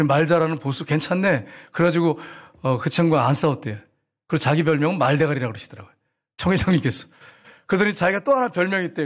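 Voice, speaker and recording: Korean-speaking preacher, a man with a higher voice. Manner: storytelling preacher, asks the congregation questions. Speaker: pastor. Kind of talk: sermon.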